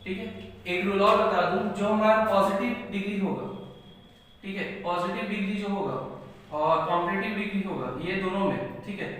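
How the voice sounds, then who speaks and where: A man's voice: high-pitched, moderate pace, fairly bright tone. A man teaching English grammar step by step, often checking in with "ठीक है" as he explains. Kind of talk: classroom lesson. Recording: echoey room, far from mic.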